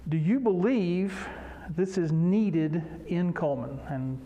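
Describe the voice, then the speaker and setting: A man's voice: high voice, slow pace, mellow, dull audio. A man speaking through a face mask as he moderates a local election debate. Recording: noisy ambience, masked speech. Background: clear ambient noise.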